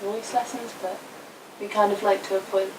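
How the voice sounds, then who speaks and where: A young woman co-hosting a casual video chat, telling a story with quick asides. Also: medium pitch, level tone. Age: young adult. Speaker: YouTube co-host. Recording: distant mic with faint noise.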